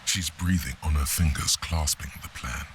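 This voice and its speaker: A man's voice: a bass voice, normal speed, fairly bright tone, a little hiss or hum. A man narrating a video game in a solemn, descriptive, scripted style. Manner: solemn, descriptive, evenly paced. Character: grave, detached male game narrator.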